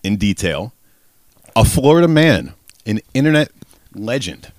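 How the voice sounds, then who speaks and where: A man's voice: lowish voice, sing-song, a little slow, no room sound. Male podcast host chatting from the backyard. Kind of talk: casual podcast chat from the backyard. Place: outdoors on a backyard deck.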